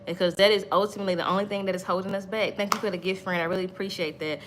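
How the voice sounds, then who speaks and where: A woman in her thirties hosts a livestream, her mid-range voice steady in tone but rapid-fire, with slight background noise. She delivers a preachy, faith-based motivational talk, emphatic and repetitive, chatting with viewers as she goes.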